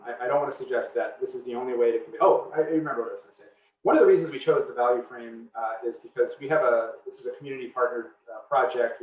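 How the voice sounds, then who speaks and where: A man's voice: medium pitch, distant mic. A man answering seminar questions over a video call, with a mid-range voice. He sits some way from his mic in a roomy space. He thinks aloud, with frequent restarts and fillers. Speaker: seminar speaker. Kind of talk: academic Q&A answers.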